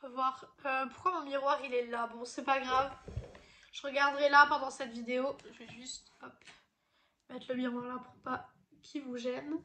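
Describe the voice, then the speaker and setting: A woman's voice: sits high, level tone, moderate pace, bright, forceful tone. A woman vlogger who is ill, chatting casually through a makeup review with many hesitant fillers. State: ill, voice not as usual. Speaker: beauty vlogger.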